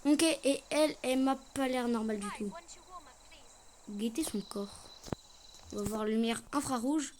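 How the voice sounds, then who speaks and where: A woman's voice: fairly high pitch, a little slow, pauses often, a little mellow. A young woman doing casual, slangy commentary on a horror game, chatting to her viewers. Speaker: gaming streamer. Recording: noisy home gaming mic.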